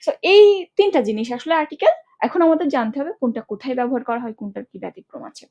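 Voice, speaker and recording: Female English tutor, high bright voice, brisk step-by-step explainer who checks in with students. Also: big pitch swings. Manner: explains step by step, often checks with "ঠিক আছে?"; colloquial speech mixing in English words. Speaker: English teacher. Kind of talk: online grammar lesson.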